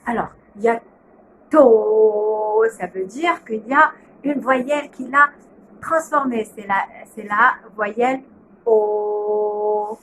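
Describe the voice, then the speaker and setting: A young woman, a kindergarten teacher, slowly and patiently sounding out letters and syllables in a phonics lesson video. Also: a little high, pushed and bright, slight background noise.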